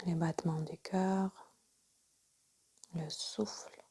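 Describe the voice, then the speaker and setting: Guiding a yoga nidra practice, a woman speaks in a husky voice on the lower side. She stays soft and breathy, often near a whisper, offering calm, measured short phrases.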